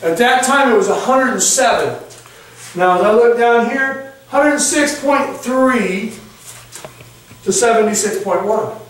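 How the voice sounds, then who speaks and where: High-voiced folksy man in an echoey room. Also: unhurried, fairly bright tone. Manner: folksy, repeats "okay?" to check in; reads out numbers like an auctioneer. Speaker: product presenter. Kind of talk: live product demonstration. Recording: echoey room, mic far off.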